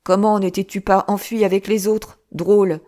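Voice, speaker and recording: A woman reading an audiobook, voicing a sharp, mocking male swordsman who fires off curt, commanding questions. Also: medium pitch, flat delivery, normal speed, lightly acted.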